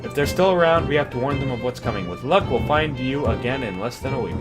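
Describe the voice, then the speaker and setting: Guy reading out an earnest fighter from a strategy game, plain medium-pitched voice, game music playing behind. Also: animated, fast, lightly acted. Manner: reads the line as a plain quote. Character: adult male traveling fighter, earnest.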